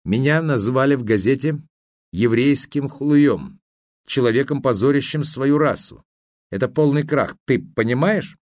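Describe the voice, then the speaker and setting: A man's voice: medium pitch, unhurried, darkish tone, dry recording, clean studio sound, pitched above the performer's own voice, close to an everyday voice. A man reading the part of an agitated, selfish young male student who presses and pleads insistently. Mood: pressing.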